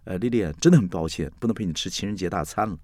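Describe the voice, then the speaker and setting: A man's voice: deep voice, rapid-fire, darkish tone, no room sound, studio quality, natural voice. A man playing a coaxing young boyfriend.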